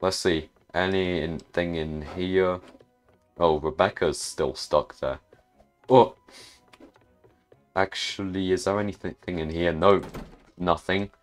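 Deep-voiced, unhurried man. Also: steady tone, faint music behind. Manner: hesitant, muttering to himself with restarts. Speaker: gaming YouTuber. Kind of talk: casual gameplay commentary.

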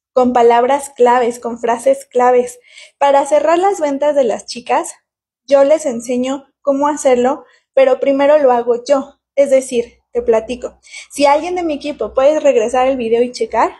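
A woman's voice: sits high, dark tone, breathy edge. A woman in her thirties with a Mexican accent, leading a sales team and explaining her method to the camera, recorded on a phone indoors. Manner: persuasive, explains step by step with hand gestures. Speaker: direct sales team leader. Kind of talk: casual direct-to-camera sales pitch. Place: small indoor room with tiled wall. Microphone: phone camera at arm's length.

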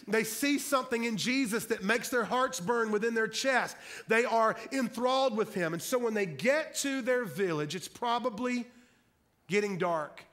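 A man's voice: very high-pitched, animated, moderate pace, a bit bright. A middle-aged man preaching an impassioned, fired-up sermon.

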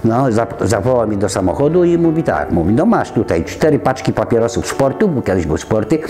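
A man's voice: medium pitch, very animated, brisk, dark tone, soft background music. An older man from Poland, chatting casually in an interview as he walks around a community center, rambling and breaking off mid-word. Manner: rambling, chatty, trailing off and restarting. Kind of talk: casual conversation.

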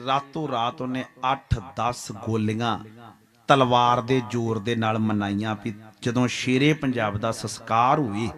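A man's voice: mid-range voice, fairly bright tone. A man narrating a religious history story dramatically, repeating phrases for weight.

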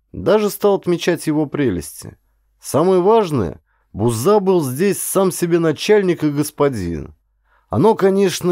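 Narrating a historical adventure novel with an actor's flair, a fairly high-voiced man stretches out phrases and drops in colloquial asides like a storyteller. The studio-quality recording has no echo.

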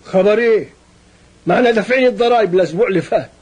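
An actor playing a weary, submissive merchant with a husky voice and an Egyptian accent in a historical audio drama. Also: male voice, high-pitched, racing, a little mellow. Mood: resigned.

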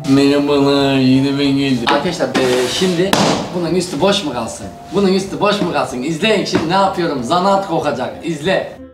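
Excitable high-voiced man commenting on his gameplay. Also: a little fast. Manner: excitable, shouts and curses at opponents mid-game. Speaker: gaming YouTuber. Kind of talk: casual gaming commentary to viewers. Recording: roomy sound with loud background music.

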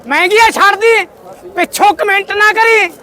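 A man with a very high-pitched voice and a Punjabi accent haggles as a livestock broker. He talks in theatrical, teasing patter and slips into rhyme. A busy market crowd and traffic sound clearly behind him. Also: moderate pace. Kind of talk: loud haggling banter at a market. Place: outdoors at a goat market.

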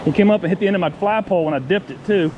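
A man whose voice sits high narrates casually to the camera as he fly fishes by a rushing mountain creek, growing excited and repeating himself once a fish strikes. The outdoor recording sounds dull and is dominated by loud rushing water.

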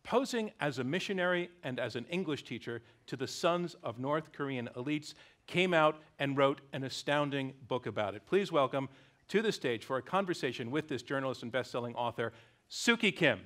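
A man in his sixties hosting an onstage conversation, with a measured, emphatic broadcaster delivery. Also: medium pitch, expressive, a bit bright. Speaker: debate host and moderator. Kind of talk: onstage interview. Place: large theater stage with audience.

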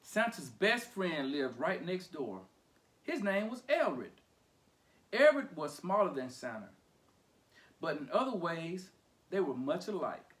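A man reading a children's picture book aloud for storytime. His voice is high for a man and swings widely, full of playful lilt. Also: big pitch swings, slow, pauses often, fairly bright tone.

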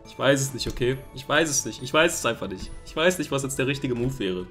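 A young man hosting a gaming video, giving excitable, exasperated commentary and repeating his phrases over and over. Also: medium pitch, quick pace. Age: young adult. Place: indoor gaming room on camera. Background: game music.

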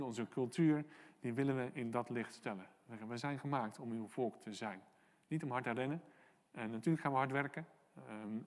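A man preaching a sermon as pastor, earnest and encouraging, pausing often with "eh" and "ehm" and reading out prayers from the psalm. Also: medium pitch, big-room sound. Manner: earnest, encouraging, many hesitations and quoted prayers. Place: church hall.

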